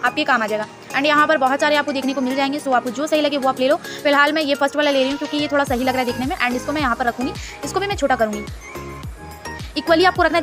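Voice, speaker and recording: A woman hosting a screen-recorded design tutorial, chatty and instructive, mixing English words into her Hindi. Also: high-pitched.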